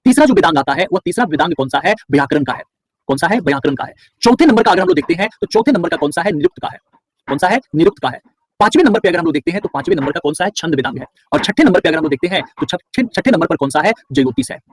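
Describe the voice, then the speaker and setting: A man's voice: on the high side, lively intonation, rapid-fire, breathy edge, no room sound. A male teacher from Bihar gives an online class lecture, quizzing his students and then answering each question himself, with words repeated for stress.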